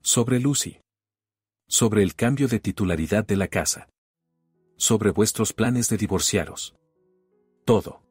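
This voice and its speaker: A man reading the lines of a weary wronged wife who speaks calmly and firmly, with few words. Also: on the low side, slow, pauses often, husky, no room sound, clean studio sound, soft background music. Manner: cool, resolute, sparing words.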